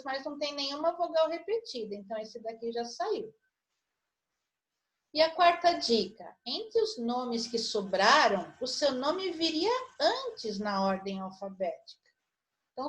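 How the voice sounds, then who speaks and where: A Brazilian woman teacher with a slightly high voice, taking her time over every word. She walks young children through a word puzzle in an online lesson, spelling out syllables and clues one by one. She sounds patient and methodical. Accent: Brazilian Portuguese. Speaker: primary school teacher.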